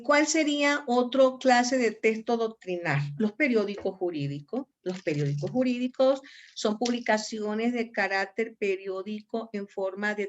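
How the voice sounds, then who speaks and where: Colombian woman lecturing, lo-fi. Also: medium pitch. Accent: Colombian Spanish. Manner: animated, addresses students directly, repeats herself. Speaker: law professor. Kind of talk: online university lecture. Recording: dull lo-fi audio.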